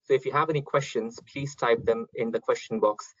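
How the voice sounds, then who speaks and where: A man's voice: medium pitch, a little fast, dry recording. A young man hosting an online talk, introducing speakers with many ums over a computer mic. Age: young adult. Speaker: event host, chairman. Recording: dry, dull lo-fi call audio.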